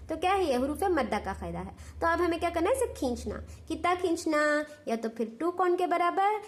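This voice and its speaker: High-voiced Hyderabadi woman teaching patiently. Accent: Hyderabadi Urdu. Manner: patient, repetitive, asks "understood?". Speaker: Quran recitation teacher. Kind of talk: step-by-step lesson explanation.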